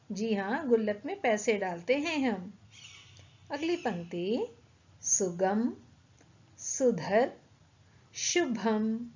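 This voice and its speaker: A woman with a slightly high voice leads a children's reading lesson at a very slow pace. She sounds each word out carefully and repeats it for young learners. The recording is dull and lo-fi. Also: warm tone. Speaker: teacher.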